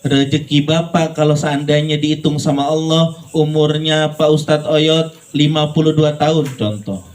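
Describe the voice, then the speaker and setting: Preacher guy, kinda high voice, jokey sermon, keeps talking right at the crowd. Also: steady tone, normal speed, darkish tone, low-quality recording. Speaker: Islamic preacher. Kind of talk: lively sermon.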